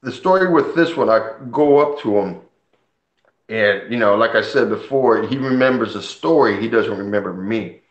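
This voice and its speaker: Speaking at a moderate pace in a lowish voice, this host from Puerto Rico, a native Spanish speaker, chats casually about comics and rambles through excited stories. The sound is dull and roomy.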